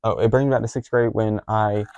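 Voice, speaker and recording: A man's voice: on the low side, creaky, a little mellow, smooth, no echo. A teenage boy co-hosting a podcast, telling school stories in a rambling way with lots of fillers. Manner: rambling with many fillers and restarts. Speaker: podcast co-host. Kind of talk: casual chat, storytelling.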